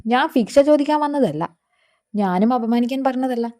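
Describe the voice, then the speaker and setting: A man's voice: extremely high pitch, expressive, moderate pace, darkish tone. A woman voicing a greedy, scheming middle-aged uncle who drinks, in a storybook narration. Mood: resentful.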